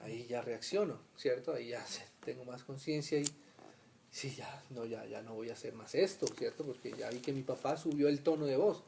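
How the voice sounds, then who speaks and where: A man from Colombia leads a relaxed Bible study, his voice low and mellow. He keeps asking his listeners whether they follow him and acts out little everyday scenes. Faint noise sits under the recording. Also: moderate pace, vocal fry. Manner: asks "¿cierto?" often, acts out little scenes. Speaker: Bible teacher. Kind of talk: conversational Bible study teaching.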